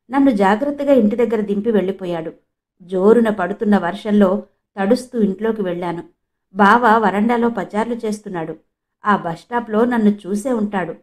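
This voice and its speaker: A woman from Andhra Pradesh narrating a novel in the first person with mournful, emotional storytelling. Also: mid-range voice. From Andhra Pradesh, India. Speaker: audiobook narrator.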